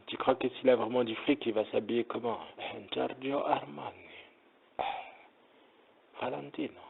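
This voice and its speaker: A man's voice: mid-range voice, little pitch movement, quick pace, a little hiss or hum. A man rambling casually in a joking, digressive monologue, with a tinny phone-like sound. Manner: joking, digressive, slips into mock Italian. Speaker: content creator talking about modeling.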